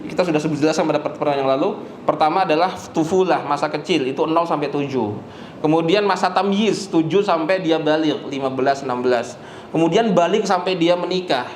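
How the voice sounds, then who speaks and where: A man's voice: on the high side, a little fast, slight background noise. A man giving a mosque study lecture as an Islamic teacher, hesitating with fillers and answering his own questions. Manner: asks rhetorical questions and answers them. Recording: echoey mosque room.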